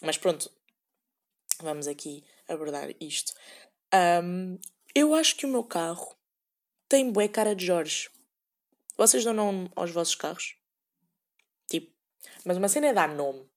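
A woman's voice: fairly low pitch, animated, measured pace, pauses often. A young woman with a European Portuguese accent, rambling sarcastically in a casual solo podcast and acting out quoted voices. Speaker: podcast host.

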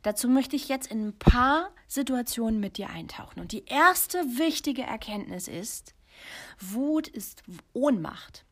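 A middle-aged woman speaks straight to the listener, her voice soft and breathy, slightly higher than most. She tells her story in a confessional tone and often sinks to almost a whisper. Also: lively intonation, measured pace. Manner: intimate, confessional, often dropping to a near whisper. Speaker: podcast host and coach for mothers.

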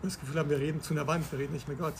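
A man's voice: a little high, fairly even intonation, racing, creaky, a little hiss or hum. A man hosting a podcast, explaining Bible passages step by step in a conversational way and asking his listener questions. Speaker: podcast host.

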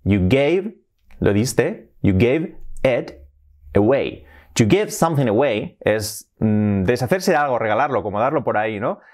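A man with a Spain Spanish accent gives a casual English lesson. His pitch moves a lot as he talks. He stretches out words slowly to drill each sound. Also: sing-song, darkish tone. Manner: slow, exaggerated pronunciation drills. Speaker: English teacher.

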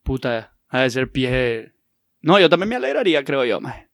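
A man's voice: medium pitch, big pitch swings, normal speed, no room sound, clean studio sound. A young man in casual chat, laughing often and using crude slang.

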